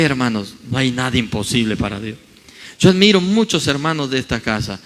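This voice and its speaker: A man preaching from the pulpit, his voice high and lively with wide pitch swings. He acts out the scripture quotes as he goes. A long church reverb trails each phrase. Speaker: pastor. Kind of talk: sermon. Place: church hall.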